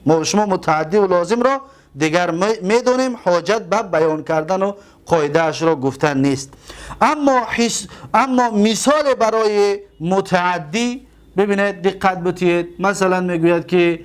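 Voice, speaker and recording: A man gives a religious classroom lecture. He drags out each example word and says it again slowly. He puts questions to the class and answers them himself. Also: high-pitched, animated. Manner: stretches out and repeats example words slowly. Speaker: religious teacher.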